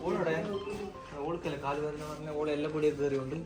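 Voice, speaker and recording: Male, brisk casual talker, echoey sound, loud music underneath. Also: on the high side, fairly even intonation, far from the mic. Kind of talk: casual chat.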